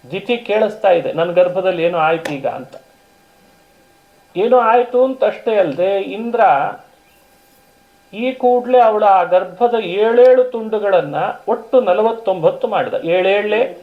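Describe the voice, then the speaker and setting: A man's voice: high voice, phone-quality sound. A man giving a storytelling sermon. He retells a story with quoted dialogue, explains Sanskrit terms and asks his listeners rhetorical questions. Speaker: religious discourse speaker.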